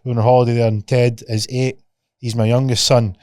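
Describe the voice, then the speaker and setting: A man, hosting a podcast and telling lively stories in casual chat, swearing freely. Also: mid-range voice, fairly quick, no room sound, clean studio sound. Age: 30s. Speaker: podcast host.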